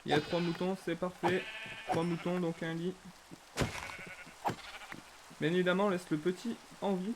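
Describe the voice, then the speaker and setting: A young man giving casual gameplay commentary, chatty and calm with excitable bursts. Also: high-pitched, normal speed, pauses often, background noise. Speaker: gaming video creator.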